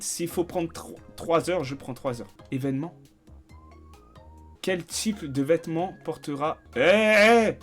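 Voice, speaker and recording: A young man streaming a game, chatting casually in slang and swearing freely. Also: a little high. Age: young adult. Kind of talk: casual let's-play commentary.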